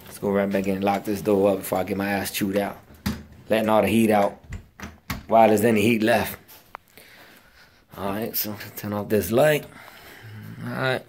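A man's voice: lowish voice, level tone, normal speed, long pauses, darkish tone, slight background noise. A young man giving a loose, slangy, swearing walking tour of a house, talking to a handheld phone camera. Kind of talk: casual, profane walking tour. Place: inside a house, walking room to room.

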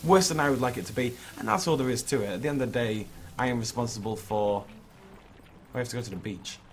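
A young man speaks at a medium pitch, his voice a little hoarse from being hungover. He rambles informally and self-critically, like a creator vlogging while he plays a game. Noticeable game ambience and noise sit behind his voice. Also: fast talker. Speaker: gaming video creator. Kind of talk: casual vlog chat over gameplay. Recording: clearly noisy background ambience.

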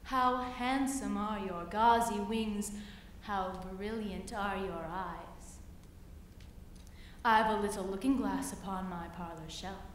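Young woman doing a sly spider, low and slow, sweet-talking, echoey hall far from the mic. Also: a little hiss or hum, lightly acted. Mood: coaxing. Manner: low, soft, coaxing and drawn-out. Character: sly flattering male spider, smooth and scheming. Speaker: student reciting a poem.

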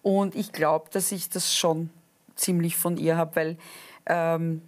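A woman's voice: sits low, slow pace. Chatty woman. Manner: talkative, lively, frequent restarts. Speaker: actress and singer, talk show guest. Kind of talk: casual talk show chat. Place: TV studio set.

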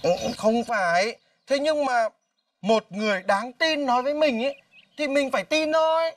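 Một nam diễn viên trẻ giọng miền Bắc đóng vai một chàng trai hiền lành, kiên nhẫn, đối xử như người anh với một cậu bé trong phim hài truyền hình. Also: male voice, very high-pitched, normal speed, no echo. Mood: gentle. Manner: gentle, patient, brotherly. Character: kind young man, gentle big brother to a boy. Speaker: actor in a TV comedy series. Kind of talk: folk comedy TV drama acting. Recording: distant mic, faint music behind.

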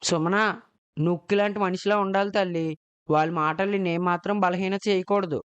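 A warm, steady father figure from a storybook speaks with quiet comfort, as a woman narrator puts him on. His voice sits low and smooth. The recording is a little dull and set back from the mic. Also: a little fast, lightly acted. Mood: tender. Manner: soft, reassuring, fatherly. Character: gentle caring father, middle-aged man.

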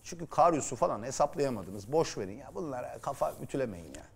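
A man's voice: mid-range voice, big pitch swings, fast talker, vocal fry, breathy edge. A man talking as a football pundit in a studio, blunt and teasing, with emphatic opinions.

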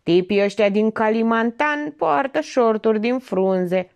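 A woman's voice: on the high side, animated, a little mellow, voice pushed up. A woman voicing a smug, self-assured middle-aged barber who lectures as if he alone reasons, in an audiobook. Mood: lecturing. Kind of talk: audiobook character reading.

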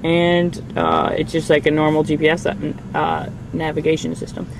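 A man's voice: on the high side, completely flat delivery, moderate pace, gravelly, noisy background. A young man casually showing phone apps from inside a car, rambling with lots of fillers. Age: young adult. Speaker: tech reviewer. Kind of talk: casual app demo vlog.

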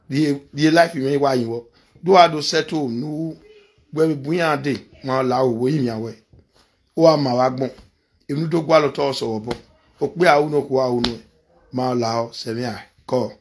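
A man's voice: mid-range voice, vocal fry, slightly rough. A man, a pastor, pleading again and again in a video message and switching into a local language.

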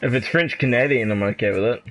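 A man's voice: mid-range voice, quick pace, fairly bright tone. A man with a New Zealand accent chatting and laughing with a friend while they play a game. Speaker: gaming co-host. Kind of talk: casual gameplay chat. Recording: slightly dull lo-fi mic.

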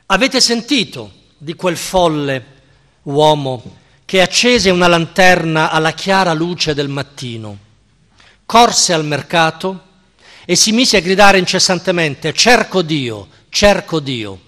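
A philosophy professor gives a university-style lecture in a reverberant lecture hall at a cultural center. His voice is fairly high, animated and a bit bright, and he speaks slowly, deliberately and emphatically, checking in with his listeners.

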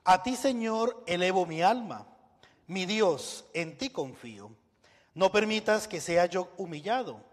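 High-voiced minister in a reverberant church. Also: male voice, lively intonation. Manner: solemn, measured liturgical delivery. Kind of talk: leading a church service. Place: large church. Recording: long reverb in a large church hall.

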